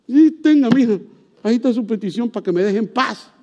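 A man's voice: very high-pitched, expressive, fairly quick, darkish tone, lo-fi sound. A man voicing an impatient male judge who pleads to be left alone. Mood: exasperated. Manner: pleading, fed up.

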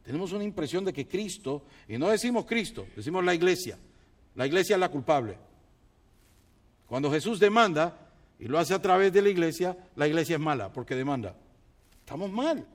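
A male pastor preaching a sermon in a fairly high voice. He swings widely in pitch and loudness, acting out his church members and then dropping low and quiet. His delivery moves from brisk conversational asides to slow, emphatic points. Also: lively intonation.

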